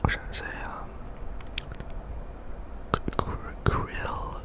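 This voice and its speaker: A young man hosts ASMR gaming content in a completely whispered, breathy voice. He speaks slowly, rambling casually and repeating phrases.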